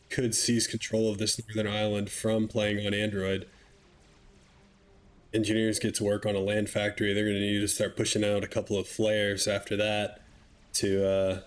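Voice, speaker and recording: Here a young man provides video game commentary as a game caster, his somewhat low voice stuffy and a bit nasal. He covers the strategy match casually and chattily with wry remarks, and a faint hum sits under the audio.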